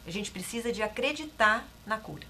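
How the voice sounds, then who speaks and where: Emphatic, bright Brazilian woman guest. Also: medium pitch, expressive, a little fast, a little hiss or hum. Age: middle-aged. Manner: emphatic and encouraging, often repeating phrases. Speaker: guest sharing a breast cancer experience. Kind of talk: casual talk-show conversation.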